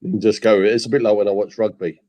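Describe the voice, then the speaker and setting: A man's voice: fairly low pitch, steady tone, fast talker, warm tone, rough recording. A man from England co-hosting a casual football watchalong, joking and calling the play. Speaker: co-host.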